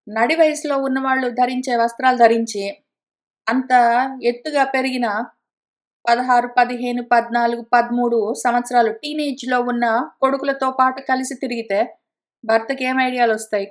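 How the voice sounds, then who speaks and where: A woman teaching an ancient epic verse by verse. She chants the Sanskrit lines slowly, then explains each one in an emphatic storytelling manner, with English words mixed into her speech. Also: high voice, fairly even intonation. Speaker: scripture teacher.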